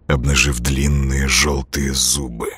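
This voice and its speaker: A man narrating a horror audiobook in a measured, steady way. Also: a bass voice, husky, no echo. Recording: music bed behind voice.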